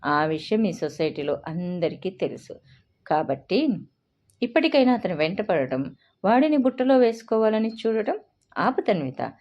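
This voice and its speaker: A woman voicing a stern, commanding wealthy young man who talks gravely and bossily, in a muffled recording. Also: mid-range voice, sing-song, normal speed. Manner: grave, domineering.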